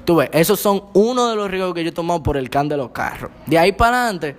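A man's voice: high voice, lively intonation, fast. A young man co-hosting a podcast, telling a story in casual chat and laughing often as he goes. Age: young adult. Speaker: podcast co-host. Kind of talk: casual storytelling among friends.

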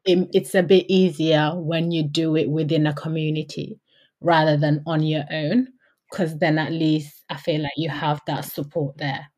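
With little pitch movement, a woman speaks at normal speed in a low, darkish voice. Originally from Gambia, she co-hosts a casual podcast, often laughing and quoting herself. Her accent is London English, faintly touched by Yorkshire.

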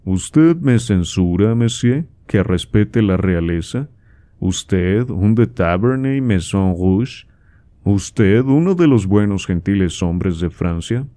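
A man reading aloud and voicing a proud, reserved young gentleman who answers his father formally and dryly. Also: lowish voice, expressive, takes it slowly. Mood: indignant. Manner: dry, formal replies.

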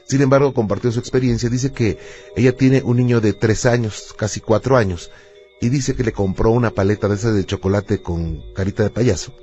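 Mellow radio host. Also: male voice, lowish voice, fairly quick. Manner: calm, explanatory storytelling. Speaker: radio host and spiritual adviser. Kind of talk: call-in radio conversation. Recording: muffled lo-fi radio with faint music.

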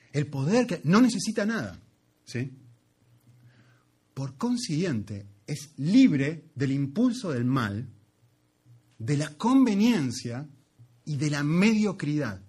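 A man preaching a sermon, emphatic and repetitive, swinging between loud passages and quiet asides. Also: on the high side, husky.

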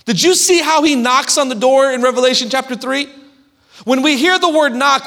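A man preaching a sermon as a guest pastor in a church, fervent and building up to shouted exhortation. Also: extremely high pitch. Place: church sanctuary. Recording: long hall reverb.

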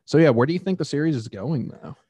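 A man's voice: on the high side, expressive, quick pace, mellow, breathy edge, no room sound. A man co-hosting a podcast in casual chat, joking and double-checking facts. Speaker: podcast co-host.

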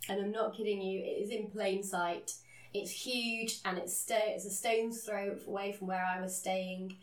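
A woman's voice: mid-range voice, steady tone, measured pace. Woman, podcast co-host, casual storytelling, earnest, echoey room, set back from the mic. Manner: earnest, self-deprecating, laughs at herself. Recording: roomy, a bit distant from the mic.

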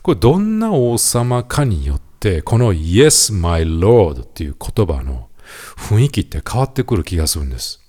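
A man with a Kansai accent giving a lively, quiz-style lesson on the English words heard in gospel songs. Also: lowish voice, normal speed. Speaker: teacher.

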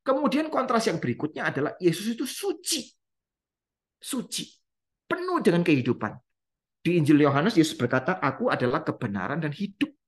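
Husky-voiced man preaching a Bible study. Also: a little high. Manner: asks the listeners questions and answers them; repeats key phrases for emphasis.

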